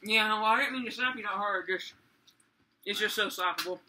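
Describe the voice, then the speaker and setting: A young man complaining and swearing loudly while joking with friends. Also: sits high, fairly quick, noisy background. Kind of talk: casual chat among friends.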